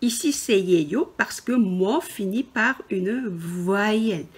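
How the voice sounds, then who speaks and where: A woman teaching a beginner language lesson over slides, explaining patiently and slowly, with fillers and self-corrections. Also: medium pitch, lively intonation, slightly rough. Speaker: Korean teacher. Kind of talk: screen-recorded language lesson.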